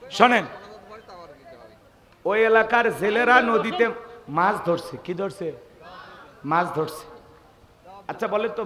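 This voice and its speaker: A man's voice: sits high, a bit bright, long reverb tail. A man from Bangladesh preaching a waz sermon, rousing the crowd and calling on them to answer and say amen.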